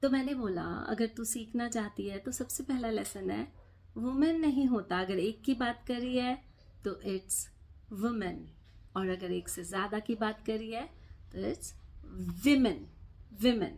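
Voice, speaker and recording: Slow-speaking Indian woman, playful teacher. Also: on the high side, creaky, darkish tone. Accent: Indian English. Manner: playful, mock-exasperated, mixing Hindi and English. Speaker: English teacher. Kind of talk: comic storytelling lesson.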